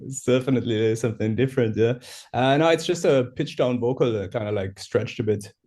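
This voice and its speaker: A man's voice: mid-range voice, fairly quick, a little mellow. A man from Austria calling into a live feedback session, answering briefly and agreeably over a video call. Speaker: caller submitting a track. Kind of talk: casual chat.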